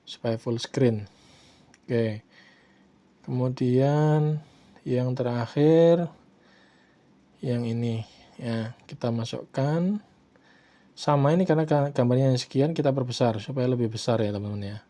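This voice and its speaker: Man, tutorial host, mellow dark tone, unhurried, talks to the viewers as friends. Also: mid-range voice. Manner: unhurried, repeats "ya, teman-teman" often. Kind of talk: screen-recorded software tutorial.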